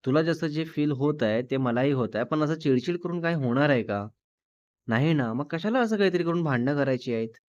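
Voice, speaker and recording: A man's voice: a little high, animated, brisk, a little mellow, no room sound, highs cut off, natural voice. A man voicing a jealous, cricket-loving young man who talks bluntly to his fiancée. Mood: soothing. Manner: dismissive, then blunt and possessive.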